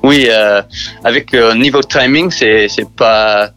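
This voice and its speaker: A man from New Zealand speaking French as a second language with a strong English accent, halting and often repeating words as he answers interview questions. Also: mid-range voice, fairly bright tone, soft background music. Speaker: interview guest from a church sports outreach group.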